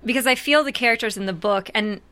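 A woman's voice: fairly high pitch, quick pace, pushed and bright. A young woman co-hosting a casual TV recap chat, chatty and thinking aloud as she goes. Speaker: co-host.

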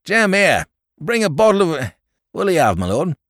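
Here a man plays a cheery London Cockney landlord in his mid-fifties, chattering eagerly with a bouncing, lively delivery, dropped grammar and a lifted pitch. He keeps a normal speed and a natural voice. The close, dry recording has no echo.

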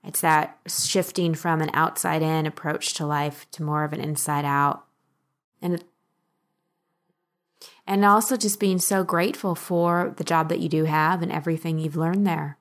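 A woman hosts a life coaching podcast, explaining ideas in an encouraging, instructive way. Her low voice holds a steady tone at a measured pace.

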